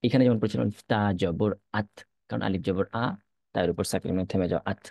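Male teacher, low gravelly voice, dry close sound, patient step-by-step drilling. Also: a little mellow, dry recording. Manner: patient, repeats letter drills slowly. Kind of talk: step-by-step lesson on reading Arabic letters.

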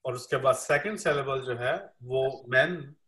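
A man with a mid-pitched voice interprets a lesson line by line for his students. He restates each point in full and pads his phrasing with fillers. The room carries a noticeable echo. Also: unhurried, fairly bright tone. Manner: repeats each point, leans on filler "jo hai". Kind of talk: live classroom interpretation. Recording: roomy, echoey room.

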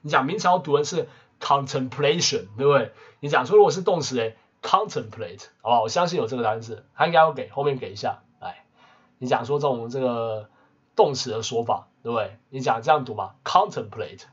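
A man teaching English vocabulary in a casual lesson, constantly adding quick tag questions. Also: mid-range voice, breathy edge. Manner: peppers talk with tag questions. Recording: muffled lo-fi recording.

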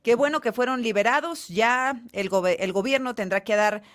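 A woman's voice: on the high side, moderate pace. A woman news anchor, interviewing a guest by phone and reacting with empathetic interjections. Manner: warm, empathetic, sympathetic interjections.

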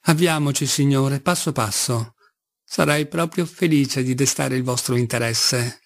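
A man's voice: mid-range voice, a little slow, close to an everyday voice. A man reading an audiobook, voicing a poor middle-aged captain who talks in a theatrical, fawning and bitterly ironic way.

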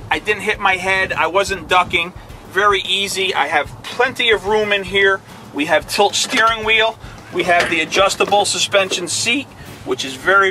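Guy selling tractors, pretty high voice, talks plain w lots of ums, camera mic outside then in the cab. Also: sharp tone. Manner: plain, repetitive sales pitch with fillers. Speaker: equipment dealer salesman. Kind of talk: product walkthrough demo. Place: outdoor dealership lot, then inside a tractor cab.

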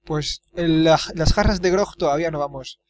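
A man's voice: fairly high pitch, moderate pace, slight background noise. A man giving chatty let's play commentary and reading out game actions. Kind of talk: casual gameplay commentary.

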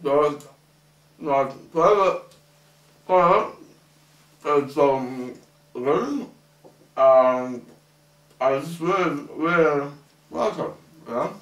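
Young man, mouth full of food, muffled mumbling, very slow and halting, echoey room, distant mic. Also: a little high. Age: young adult. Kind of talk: halting, rambling monologue to camera while eating.

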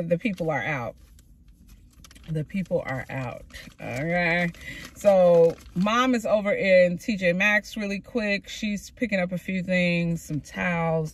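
A middle-aged woman, chatting upbeat into a phone camera from her parked car, with loose "so yeah" asides. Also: lowish voice. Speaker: vlogger. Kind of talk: casual vlog chat. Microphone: phone camera on dashboard.

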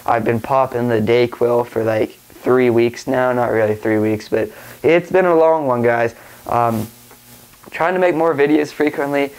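A man's voice: medium pitch, unhurried, a little mellow, clear, resonant tone, poor audio. A young man with a stuffy nose from a cold, rambling casually through a tech vlog with lots of fillers and restarts. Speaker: tech vlogger.

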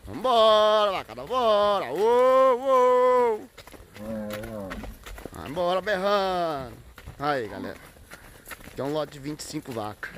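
A man vlogging on a cattle farm, talking casually to viewers and breaking off to yell loud herding calls at the cows. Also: medium pitch, a little hiss or hum. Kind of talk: casual farm vlog narration. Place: outdoors on a cattle farm, by the corrals.

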